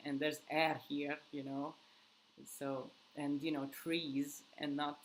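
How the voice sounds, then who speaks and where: A woman with a deep voice hosts a casual live Q&A from her home in the countryside. English isn't her first language, so she rambles with lots of fillers and restarts. The poor-quality recording has a faint hiss or hum.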